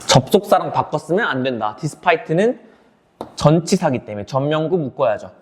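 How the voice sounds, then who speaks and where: A man's voice: on the high side, expressive, moderate pace, slight background noise. A male English teacher giving an online exam lecture. He goes through the passage sentence by sentence, asking questions and answering them himself, and speaks straight to his students. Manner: switches between English words and explanation, addresses students directly.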